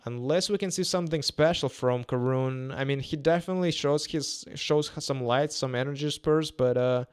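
A man's voice: medium pitch, moderate pace, smooth. A man in his twenties with a Russian accent, a native Russian speaker, gives casual live boxing commentary, often repeating himself and hesitating. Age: 20s. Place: small indoor room. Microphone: close podcast microphone on a boom arm.

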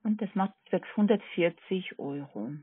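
Speaking German as a second language with a foreign accent, a female call centre agent hesitantly repeats and double-checks order details on a sales call. The tinny narrowband line carries her husky, fairly low voice at a slightly slow pace, recorded dry.

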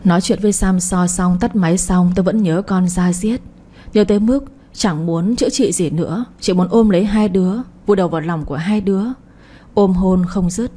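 Mellow-voiced woman storyteller. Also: fairly low pitch, moderate pace. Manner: soft, emotional first-person reading. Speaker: audiobook storyteller. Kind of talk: scripted late-night story narration.

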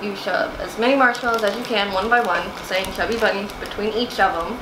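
A woman's voice: medium pitch, brisk. A young adult woman hosting a casual vlog chat. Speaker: host. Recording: echoey, noisy home recording.

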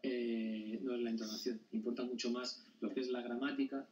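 A man's voice: mid-range voice, flat delivery, normal speed, a little mellow. A male teacher explains a lesson to his class and keeps checking whether the students follow. He is heard across the classroom, and the sound is dull and lo-fi. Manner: explanatory, often checks understanding with questions. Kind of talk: classroom lecture. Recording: dull sound, mic at a distance.

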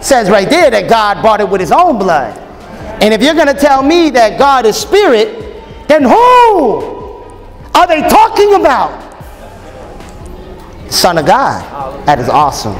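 Soft music plays behind a very high-voiced man in his thirties who preaches at a measured pace with long pauses. Animated and joking, he calls out to the crowd for answers in a large hotel ballroom, where long reverb and a faint crowd are audible.

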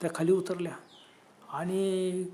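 Male horror storyteller, dark tone, conversational and dramatic. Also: high-pitched, level tone, a little slow.

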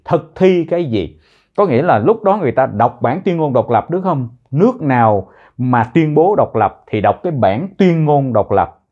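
A man teaching a citizenship test lesson, repeating words slowly in pronunciation drills. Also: medium pitch, warm tone, lo-fi sound. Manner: slow, drawn-out pronunciation drills.

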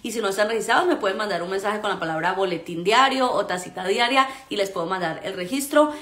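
A woman teaching English pronunciation in a lively way, often checking in with "ok?". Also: medium pitch, fast talker, echoey room. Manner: animated, repeats "¿ok?" to check understanding. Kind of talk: pronunciation lesson.

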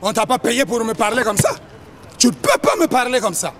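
A man's voice: extremely high pitch, big pitch swings, fairly quick, over music. A man, bragging and mocking in street banter about clothes. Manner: boastful, mocking. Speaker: sapeur.

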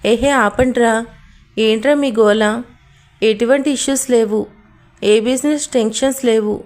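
A woman's voice: a little high, a little slow, a little mellow, lightly acted. A woman voicing an irritated young man who snaps at his friends in an audio story. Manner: snappish, scolding friends. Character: hot-headed young man, the hero, irritated.

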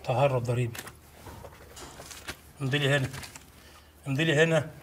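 A man's voice: medium pitch, moderate pace, slight background noise, natural voice. Man playing a sly mumbling mailman. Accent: Egyptian. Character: cheeky mailman delivering a summons. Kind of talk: comedic film acting.

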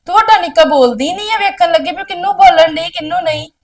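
A woman's voice: extremely high pitch, quick pace, a crowd in the background. A woman playing an exasperated elder sister, scolding her younger sibling in a village drama. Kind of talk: village short film acting.

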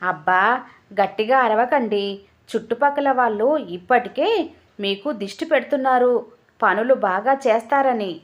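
A woman's voice: on the high side, moderate pace, close to an everyday voice. A woman voicing a coaxing, innocently teasing wife in an audio story. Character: sweet-talking, teasing young wife.

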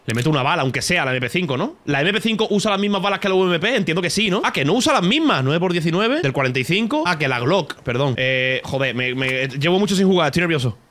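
A man's voice: fairly high pitch, lively intonation, quick pace, hardly any pauses, fairly bright tone. A man from Spain with an Andalusian accent, streaming a game while rambling, swearing and joking with his chat. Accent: Andalusian Spanish. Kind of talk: gaming livestream commentary. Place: home streaming setup.

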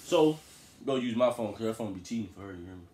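Young male, playful slangy banter, very animated delivery, echoey bedroom recording. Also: on the low side, quick pace. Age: young adult. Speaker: challenge participant. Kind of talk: casual joking banter. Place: small bedroom, indoors. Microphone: camera a few feet away. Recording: echoey room with background noise.

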